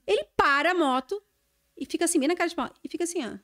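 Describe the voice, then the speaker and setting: A TV journalist tells a story in a casual podcast chat, animatedly acting out the quoted dialogue. Her voice is very high-pitched and very fast.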